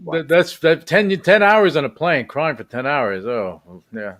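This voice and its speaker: A man's voice: on the high side, sing-song, a little slow, a bit bright. A man hosting a radio talk show, interviewing a guest in a casual, rambling way with many repeated words.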